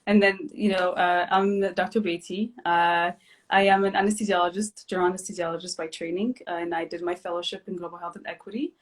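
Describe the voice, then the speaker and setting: A woman from Ethiopia in her thirties, hosting a casual live chat, relaxed and chatty with many fillers. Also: lowish voice, fairly quick. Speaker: host, physician.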